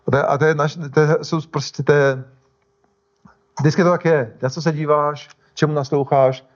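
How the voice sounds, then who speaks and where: A man's voice: fairly high pitch, highs cut off. A male pastor preaching a sermon in a conversational way, often stopping to restart and correct himself.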